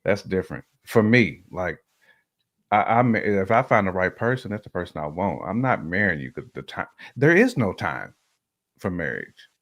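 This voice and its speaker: A man with a deep, low voice speaks at normal speed in a relaxed, conversational way as a podcast guest sharing opinions. He stresses his points emphatically, circling back to repeat phrases for effect.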